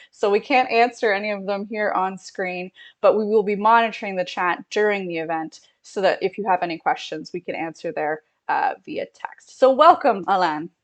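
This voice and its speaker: An American woman hosts an interview over a video call. She sounds friendly and eager and uses a few fillers. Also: mid-range voice. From United States. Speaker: interview host. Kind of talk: hosting an online interview.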